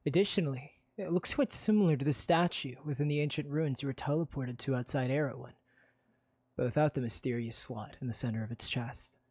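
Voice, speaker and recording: A man narrating a role-play game as game master in a steady, descriptive way. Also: mid-range voice, a little fast, no room sound.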